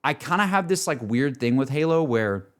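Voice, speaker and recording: A male game streamer talks casually and candidly to his chat, rambling unscripted as he thinks aloud. His mid-range voice is animated and smooth, moving at a moderate pace.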